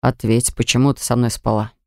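Woman doing a young man, smug, low voice, firm, mocking, audiobook character. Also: flat delivery, a little fast, no room sound, studio quality. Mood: insistent. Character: brooding confident young man, pushy and smug.

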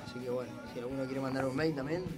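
A man's voice: mid-range voice, steady tone, racing, over music. A man in his twenties with a Rioplatense accent, a band member on a radio show, giving out the band's contact details. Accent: Rioplatense Spanish. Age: 20s. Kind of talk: casual radio chat.

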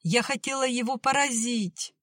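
A tearful, high-strung young girl, as a woman narrator puts her on, pleading and defiant by turns in a voice lifted well above the reader's own. Her words come out strained and choked. The recording is close and completely dry. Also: moderate pace, a bit bright, no room sound.

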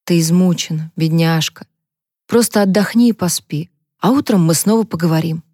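A woman reader voicing a kind older mother who speaks in a gentle, soothing, motherly way. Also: lowish voice, moderate pace, dry recording, clean studio sound, lightly acted.

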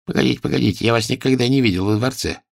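A man's voice: mid-range voice, very fast, creaky, no echo, studio quality, pitched above the performer's own voice. A man voicing a fussy, trembling old male master of ceremonies with a quavering voice, in a storybook reading. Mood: querulous.

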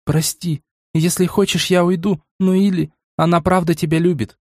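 A man's voice: sits high, fairly even intonation, brisk, darkish tone, dry recording, clean studio sound, pitched above the performer's own voice, lightly acted. Man voicing a tearful young princess bride. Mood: remorseful. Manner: pleading, emotional. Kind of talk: audiobook character voice.

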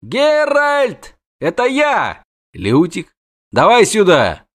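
A man's voice: fairly high pitch, animated, a little slow, a bit bright, voice pushed up. A man voicing a panicky, talkative young male bard who pleads in breathless exclamations. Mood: panicked.

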